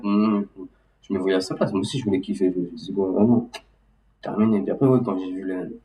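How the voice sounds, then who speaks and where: A man talking casually and loosely about his memories, halting and restarting often with lots of fillers. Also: lowish voice, darkish tone. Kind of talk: casual rambling monologue. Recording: roomy echo, mic at a distance.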